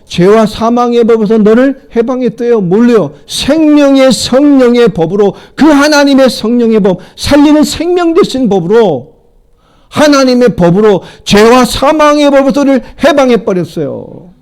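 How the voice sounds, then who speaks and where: A middle-aged man preaching a sermon as pastor, asking the congregation questions and swinging between loud emphatic lines and low quiet asides. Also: lively intonation, moderate pace, clear, resonant tone.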